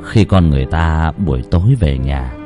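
A man narrating a ghost story in an expressive, suspenseful way. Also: rumbling low, moderate pace. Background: soft background music.

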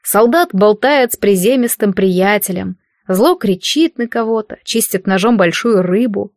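A woman narrating a fantasy novel as an audiobook, reading in a steady, even storytelling manner. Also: mid-range voice, a little slow, no echo, studio quality. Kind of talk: scripted narration.

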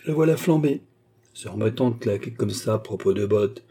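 A man voicing a brash young male rascal in an audiobook, cool-headed and insolent, bursting into loud cries. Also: fairly low pitch, level tone, a little fast. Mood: mocking.

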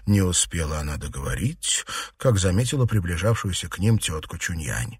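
A man calmly narrating a classic novel as an audiobook reading. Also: deep voice, normal speed, husky, no echo, studio quality.

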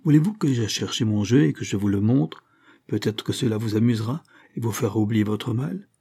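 A man voicing an eager young boy in a read-aloud storybook, lively and earnest. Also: fairly low pitch, brisk, gravelly, breathy edge. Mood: excited. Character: eager, bright young boy, a little lord.

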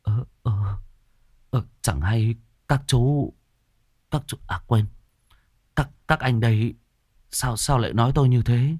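A man's voice: mid-range voice, slow pace, pauses often, a little mellow, dry recording, clean studio sound, voice pushed up. Man doing a stammering polite young man. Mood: nervous. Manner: hesitant, stammering apologies. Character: polite nervous young husband.

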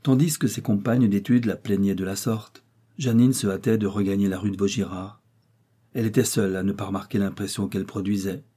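A man narrates a novel for an audiobook with measured, even storytelling. His voice is low and dark, with a husky grain.

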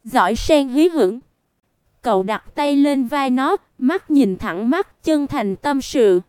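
A woman narrating a storybook in an even, unhurried reading that voices the punctuation aloud. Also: high voice, clean tone, dry recording.

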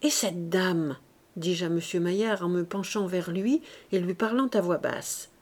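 A woman reading a classic tale aloud as an audiobook narrator, slow and measured, giving the characters' dialogue its own delivery. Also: lowish voice, darkish tone. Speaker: audiobook reader. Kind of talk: scripted narration.

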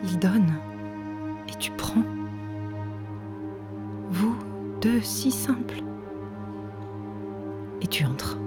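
A hushed, halting narrator. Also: female voice, mid-range voice, animated, music in the background. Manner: slow, halting, drops into whispers. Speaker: stage actress. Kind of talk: theatrical monologue.

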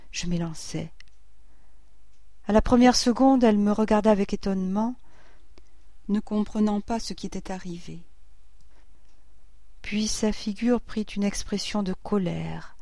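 A woman narrating a classic novel in a steady, unhurried reading. Her mid-pitched voice is set close and dry, with no room sound at all. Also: no echo. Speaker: audiobook reader. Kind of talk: literary audiobook narration.

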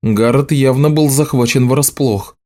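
A man narrating an audiobook in a steady storytelling delivery. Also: medium pitch, unhurried. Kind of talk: scripted narration.

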